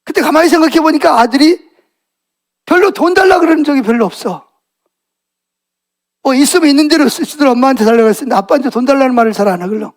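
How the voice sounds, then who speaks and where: Middle-aged man, pastor, Sunday sermon, high voice, animated, questions the congregation. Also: quick pace, long pauses. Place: church sanctuary.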